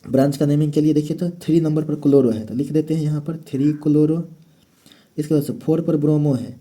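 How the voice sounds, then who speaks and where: Speaking at a quick pace, this man has a slightly high, warm voice with a steady tone. He works through a chemistry lesson in a classroom lecture one step at a time, raising his own questions and then answering them.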